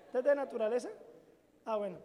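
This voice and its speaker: A middle-aged pastor, preaching a sermon to a congregation in a colloquial, joking storytelling way and putting questions to the audience. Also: male voice, extremely high pitch, fast, dark tone, some chatter behind.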